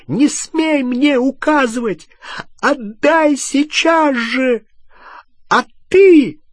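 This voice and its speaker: A man's voice: wildly swooping pitch, takes it slowly, fairly bright tone, slightly rough, dry recording, clean studio sound, heavily acted. A man reading an audiobook, voicing a furious, bossy teenage girl who shrieks and turns sarcastic. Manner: shrill, screeching, sarcastic. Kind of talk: audiobook character voice.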